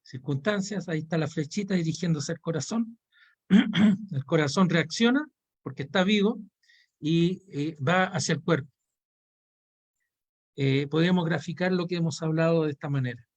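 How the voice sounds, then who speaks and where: Male counseling teacher, measured and explanatory, slightly high-pitched. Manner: explanatory, measured, walks through a diagram. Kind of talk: online course lesson.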